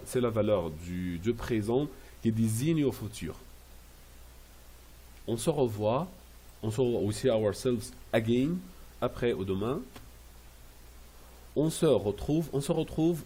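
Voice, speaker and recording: Slow, husky-voiced man teaching French. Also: fairly low pitch, warm tone. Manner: slow, deliberate, repeats and spells words out syllable by syllable. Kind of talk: language lesson explaining pronunciation.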